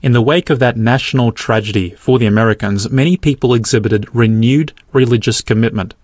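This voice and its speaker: A middle-aged man narrating his own podcast in a measured, earnest storytelling manner. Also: medium pitch, a little mellow, no room sound, studio quality. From Australia. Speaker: podcast host. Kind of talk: scripted narration.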